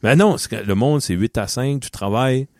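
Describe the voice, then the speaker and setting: A man's voice: medium pitch, moderate pace, no room sound, studio quality. A man with a Quebec French accent co-hosting a podcast, rambling easily through everyday stories. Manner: easygoing, rambling, everyday storytelling. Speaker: podcast co-host. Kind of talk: casual podcast chat.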